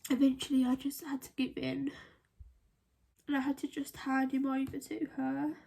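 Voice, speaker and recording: A woman telling a personal story to camera while crying and trying to hold back tears, halting and breaking into whispers. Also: high-pitched, completely flat delivery, gravelly, dark tone. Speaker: vlogger.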